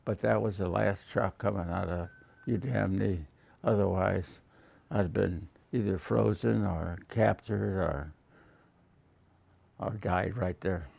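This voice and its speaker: An elderly American man, a war veteran, remembering his service aloud in halting, plainspoken, unscripted recollection. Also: deep voice, vocal fry, darkish tone, husky. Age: elderly, late 80s or older.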